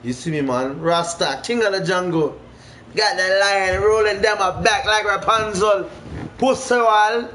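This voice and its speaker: A man from Miami streaming a basketball video game, talking casually, cursing and shouting at big plays. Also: high voice, a little slow, hardly any pauses, a little hiss or hum. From Miami, United States. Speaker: gaming streamer. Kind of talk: casual gameplay commentary.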